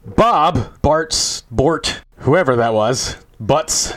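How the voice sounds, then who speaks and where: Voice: medium pitch, animated, drawn-out words. A co-host in a casual chat about a video game who makes dry, joking asides. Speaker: podcast co-host.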